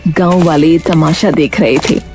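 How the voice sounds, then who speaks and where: A woman telling a cartoon story in dramatic, expressive scripted narration. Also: deep voice, normal speed. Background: background music.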